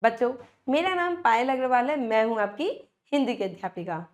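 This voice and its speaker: A woman's voice: a little high, big pitch swings. A woman teaching a Hindi lesson to young children, patiently checking in with questions and stretching out words to model how they sound. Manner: draws out words slowly to model pronunciation.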